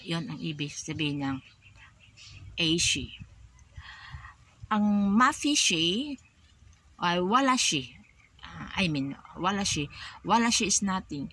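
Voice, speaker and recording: Soft-spoken Filipino woman teaching words. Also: lowish voice, sing-song, unhurried, breathy edge. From Philippines. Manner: patient, repeats each word and gives examples. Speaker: language teacher for overseas workers. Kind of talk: casual spoken lesson.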